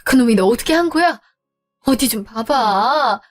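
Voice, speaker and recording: A woman's voice: a little high, lively intonation, unhurried, soft background music. Woman playing a protective fussing mother. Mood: alarmed. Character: worried older mother, fiercely protective. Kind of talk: scripted audio drama.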